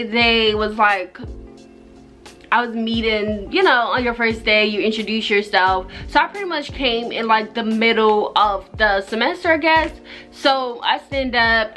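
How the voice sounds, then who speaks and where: A young woman from Jamaica talks in a fairly high voice, telling a story casually to the camera. She rambles conversationally, dropping in plenty of filler "like" as she goes. Faint music plays behind her. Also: sharp tone. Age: young adult. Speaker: vlogger. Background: background music.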